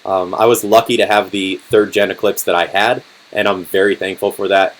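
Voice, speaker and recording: A young man in his twenties hosting a casual live-stream Q&A, talking in a relaxed, rambling way with lots of ums and restarts, his voice going hoarse. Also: sits low, normal speed, low-quality recording. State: voice getting hoarse. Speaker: car channel host.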